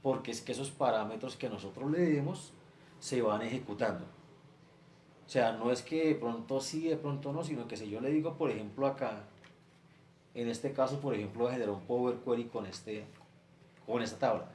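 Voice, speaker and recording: A man's voice: medium pitch, normal speed, darkish tone. A male teacher, explaining a spreadsheet lesson step by step and stacking example after example. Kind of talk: screen-share class lecture. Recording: echoey room, faint ambient noise.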